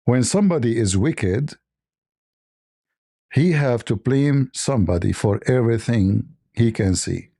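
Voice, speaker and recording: A man's voice: medium pitch, lively intonation, unhurried, creaky, dark tone. A man hosting a livestream, giving mocking, sarcastic commentary and repeating phrases for emphasis. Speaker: livestream host.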